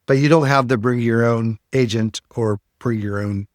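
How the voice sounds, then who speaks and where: Man explaining a software demo. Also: medium pitch, moderate pace, dry recording, studio quality. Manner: explanatory, many fillers. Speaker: podcast host. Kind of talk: casual technical demo.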